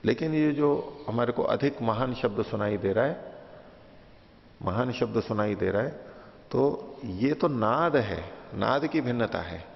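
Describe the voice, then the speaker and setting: A man's voice: mid-range voice, vocal fry. A male teacher patiently explaining a philosophical text to a class, taking each point in turn and repeating it with simple examples. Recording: muffled, with long hall reverb.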